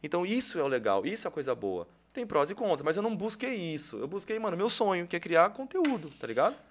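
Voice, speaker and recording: Fast, lively young Brazilian man. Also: high voice. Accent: Brazilian Portuguese. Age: 20s. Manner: animated storytelling, heavy slang, acts out quoted voices. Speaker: podcast guest, content creator. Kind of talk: casual podcast conversation.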